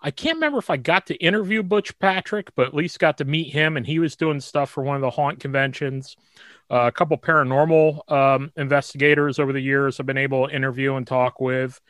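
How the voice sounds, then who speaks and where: Talking a little fast at medium pitch with a somewhat bright tone, a male podcast co-host rambles through a casual chat, often restarting and filling gaps with filler words. The sound is dry and studio-clean.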